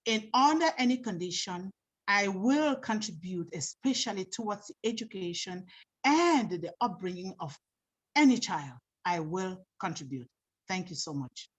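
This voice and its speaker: Earnest woman from samoa, breathy voice, muffled call sound. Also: medium pitch, animated, normal speed. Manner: earnest, quoting scripture. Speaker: meeting participant. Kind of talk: heartfelt speech.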